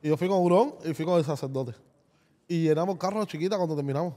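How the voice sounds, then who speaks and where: A man's voice: a little high, fast talker. A man, a musician guest on a casual podcast, telling a story and acting out the voices of the people in it. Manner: animated storyteller, acts out voices.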